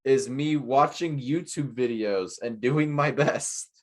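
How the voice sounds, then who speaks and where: A young man co-hosting a casual podcast, chatting in a rambling, self-mocking way and quick to joke. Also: mid-range voice. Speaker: podcast co-host. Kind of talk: casual chat.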